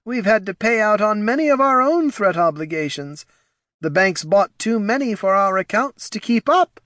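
A man's voice: high-pitched, lively intonation, normal speed, a bit bright, no room sound, studio quality, voice pushed up. A man doing a fretful, harried guild official. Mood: miserable. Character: flustered male guild official, anxious and harried.

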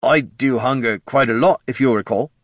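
A man's voice: mid-range voice, moderate pace, no echo, clean studio sound, voice pushed up, lightly acted. A man voicing a timid, hungry male ghoul who speaks hesitantly.

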